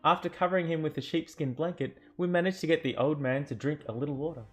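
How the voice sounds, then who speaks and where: With a slightly high voice and a fast delivery, a man reads an interactive fantasy adventure book aloud in dramatic storybook style. He's theatrical, tossing in joking asides and correcting himself along the way.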